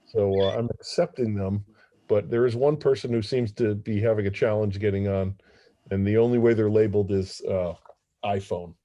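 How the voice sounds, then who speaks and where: Polite man hosting a conference call, mellow voice. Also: lowish voice, steady tone, moderate pace. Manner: polite, courteous. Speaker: meeting host and technical moderator. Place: remote video conference call.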